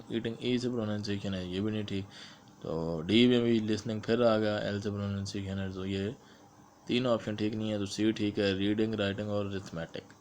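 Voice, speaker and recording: A man with a Pakistani accent explaining exam questions step by step, like a teacher, and reading the questions out slowly. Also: lowish voice, darkish tone, slight background noise. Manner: explains step by step, mixing English terms into Urdu, reads questions aloud slowly. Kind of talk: explanatory exam-prep lecture.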